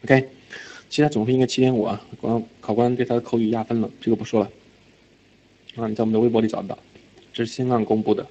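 A man teaching IELTS reading in a recorded lecture, animated, often asking whether students follow and dropping English words into his talk. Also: medium pitch, fast talker, pauses often. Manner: mixes English words into speech. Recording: slightly dull lo-fi lecture audio.

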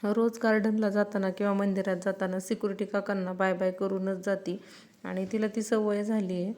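A woman with a Marathi accent, a vlogging mother, casually and patiently telling her children what to do. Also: mid-range voice. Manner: coaxing, gently instructive with children. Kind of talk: casual family vlog talk.

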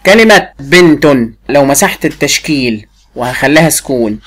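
A woman teacher with an Egyptian Arabic accent, giving a first-grade lesson and drilling a pupil with repeated questions while drawing words out slowly. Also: sits low. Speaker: primary school teacher.

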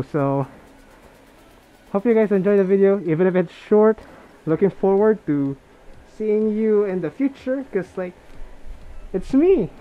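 A young man, chatting casually in a vlog while talking from inside a fursuit head, repeating words as he goes. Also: high voice. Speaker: vlogger. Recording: dull lo-fi audio with faint music.

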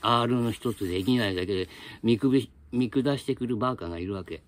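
A man's voice: medium pitch, a little fast. A man teaching a casual spoken lesson in a blunt, colloquial, lecturing way.

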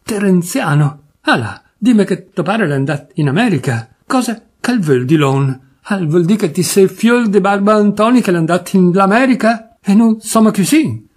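A man's voice: sits high, animated, normal speed, few pauses, husky, pitched above the performer's own voice. A man voicing a tipsy, insistent old man from Turin with a strong Piedmontese accent and a slurred, blustering delivery. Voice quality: slurred, shouting dialect.

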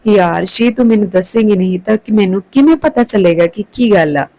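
A woman's voice: mid-range voice, expressive, a little fast, a little mellow, natural voice. Woman reading as a worried young husband, questioning, storybook narration.

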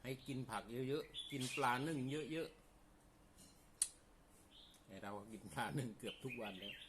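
A man's voice: medium pitch, normal speed. A man from talks casually to viewers while eating, often with his mouth full, in a folksy, explanatory way. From Isan, northeastern Thailand. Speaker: food vlogger. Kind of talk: casual mealtime chat to viewers. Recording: clear background noise, birds chirping. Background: birdsong and ambient noise.

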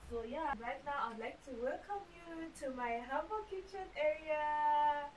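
A woman's voice: high voice, unhurried. A young woman vlogger giving an enthusiastic, chatty tour of her small rented room, often addressing viewers as "you guys.". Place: small bedroom and kitchenette, indoors. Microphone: camera on tripod across the room. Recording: distant mic with clear hiss.

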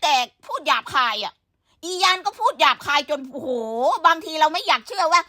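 Woman commentator, high bright voice, dry close sound, blunt and scolding. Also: animated, brisk, dry recording. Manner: blunt, scolding, rhetorical questions. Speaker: online commentator. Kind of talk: casual gossip commentary.

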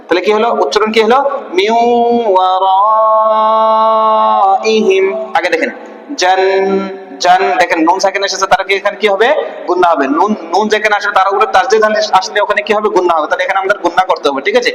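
A male Quran recitation teacher with a Bangladeshi Bengali accent, drilling syllables slowly and asking and answering his own questions. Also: high-pitched, fairly even intonation, fairly bright tone. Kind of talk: Quran reading lesson. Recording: echoey room with long reverb.

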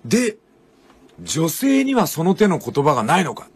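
An older man hosting a radio talk show, commenting on a book in a folksy storytelling way with drawn-out emphatic phrasing. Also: fairly high pitch, wildly swooping pitch, a crowd in the background. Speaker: radio host.

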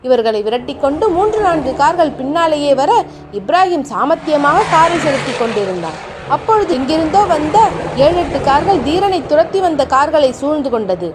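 High-voiced woman narrating a novel. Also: darkish tone, slight background noise. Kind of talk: storybook narration.

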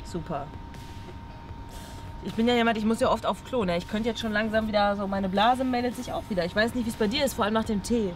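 A young adult woman with a high voice talks quickly and casually as a video host for a challenge vlog. She's outdoors beside an open car boot in a parking lot, recorded on a camera with background music playing.

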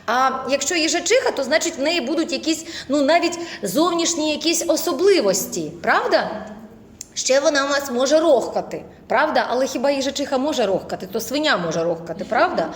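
A woman teaching a voice acting lecture, lively and demonstrative, who keeps slipping into other voices for examples. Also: high-pitched, brisk, roomy sound, long reverb tail.

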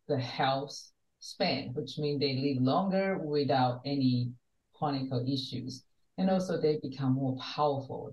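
With a low, slightly mellow voice, an older wellness coach from Taiwan talks earnestly as a guest on a video call, sitting in her home study. Her webcam sits at a distance, so the lo-fi audio sounds roomy.

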